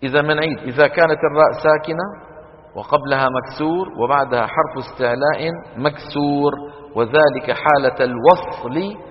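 A man teaching Quran recitation rules to a class, quizzing students with quick questions and chanting the examples slowly. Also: on the high side. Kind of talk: classroom lesson on tajweed rules. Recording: dull lo-fi recording with long hall reverb.

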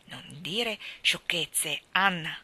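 A woman voicing a stern, practical older guardian in a storybook reading, with a brisk, no-nonsense manner. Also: fairly low pitch, pushed and bright, exaggerated voice. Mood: firm.

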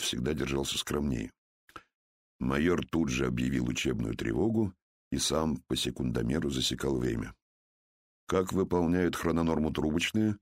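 A man with an extremely deep, husky voice narrates a first-person memoir. He tells it in a calm, measured way, and the recording is close and dry with no room sound. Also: dry recording.

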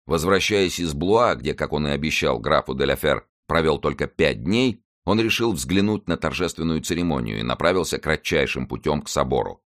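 Deep-voiced male audiobook narrator. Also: normal speed, few pauses. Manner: lively, expressive reading. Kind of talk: scripted narration of a classic novel.

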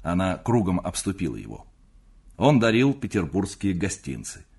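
A man narrating a classic novel as an audiobook, expressive storytelling. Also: low voice, moderate pace, vocal fry, slightly rough. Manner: expressive storytelling, acting out the characters.

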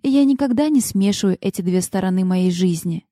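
A woman's voice: medium pitch, animated, fairly quick, mellow, no echo, clean studio sound, lightly acted. A woman voicing a flustered young woman, a princess working as a secretary, who speaks with restrained politeness.

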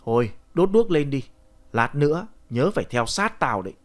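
A male narrator voicing a gruff old grandfather, a grave digger who curses and scolds bluntly. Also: mid-range voice, very animated, normal speed, lightly acted. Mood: scolding.

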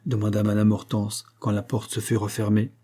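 An audiobook narrator with a fairly low male voice reads a novel in a measured, even storytelling manner, delivering scripted narration.

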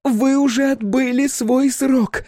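A man voicing a defiant young woman who shouts and pleads with trapped souls, in an audiobook reading. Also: extremely high pitch, fairly even intonation, slow pace, dry recording, clean studio sound, voice pushed up. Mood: shouting.

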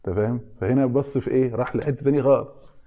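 A man's voice: mid-range voice, fairly even intonation, very fast, warm tone, highs cut off. A man with an Egyptian accent giving an informal religious lesson, often asking his listeners questions and answering them himself. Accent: Egyptian Arabic. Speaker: religious teacher.

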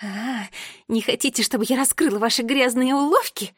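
A woman's voice: on the high side, big pitch swings, moderate pace, breathy edge, no echo, studio quality. Shrieking furious girl, as a woman reader puts her on. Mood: spiteful. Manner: shrieking, spitting rage. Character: furious vengeful girl, shrill and hissing.

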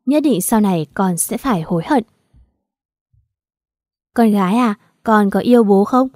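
A woman's voice: mid-range voice, expressive, a little slow, darkish tone, no echo, studio quality, natural voice. A woman reading the lines of a remorseful father who reproaches his young daughter in a pleading tone. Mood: gentle.

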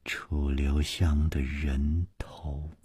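A male storyteller voicing a poisoned, resigned man who speaks low and close to a whisper. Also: fairly even intonation, takes it slowly, slightly rough, no room sound, exaggerated voice. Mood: hushed. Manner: low, hushed, near-whispered. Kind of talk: Chinese storytelling broadcast.

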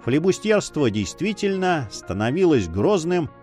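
A man narrating an adventure novel in an expressive, dramatic reading. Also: on the high side, unhurried, faint music behind. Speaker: audiobook narrator. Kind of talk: scripted narration.

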